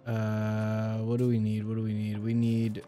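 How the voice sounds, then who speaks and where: Young male host, casual gameplay talk, unhurried and musing, faint music bed. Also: on the low side, monotone, warm tone. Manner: thinks aloud, hesitant fillers, repeats himself. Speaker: game channel host.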